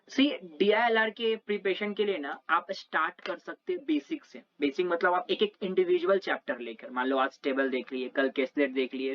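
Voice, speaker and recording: A young Indian woman explaining exam preparation over slides, switching between Hindi and English and often checking in with the listener. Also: lowish voice. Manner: mixes Hindi and English, checks in with "okay" and "theek hai". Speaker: exam prep tutor. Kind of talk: slide-based exam prep lesson. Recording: slightly dull lo-fi audio.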